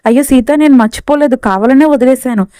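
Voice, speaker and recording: A woman's voice: high voice, brisk, warm tone, smooth, no room sound, clean studio sound, close to an everyday voice. A woman voicing a young husband who hesitantly dodges his wife's questions. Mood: evasive. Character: young husband, evasive and fumbling.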